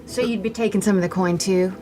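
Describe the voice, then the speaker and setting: A woman's voice: mid-range voice, fairly even intonation, quick pace, background noise, close to an everyday voice. A woman playing a mild, curious young woman adventurer in improvised tabletop role-play. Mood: questioning.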